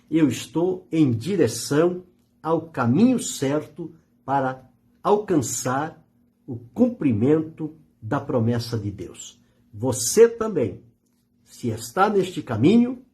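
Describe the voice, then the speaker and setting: A male pastor delivers a sermon, his pitch climbing and falling in wide, animated sweeps. His voice is dark and mellow, and he preaches with earnest emphasis and slow pauses for effect.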